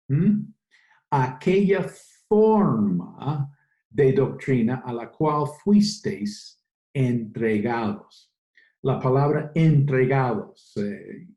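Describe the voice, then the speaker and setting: A man preaching a sermon in a slow, deliberate way, pausing often and reading scripture aloud. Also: mid-range voice, warm tone, roomy sound. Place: church.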